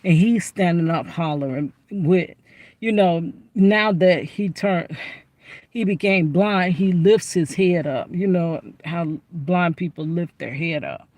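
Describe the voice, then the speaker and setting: A woman's voice: fairly low pitch, slow, darkish tone, dry recording. A woman chatting animatedly to camera from inside her car, telling a story with lots of asides. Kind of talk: casual storytime.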